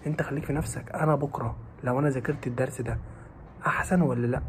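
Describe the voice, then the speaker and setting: Fast-talking Egyptian man's pep talk. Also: medium pitch, steady tone, a little hiss or hum. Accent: Egyptian Arabic. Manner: fast, pleading and scolding, repeats phrases. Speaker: motivational talker for exam students. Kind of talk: motivational pep talk to students.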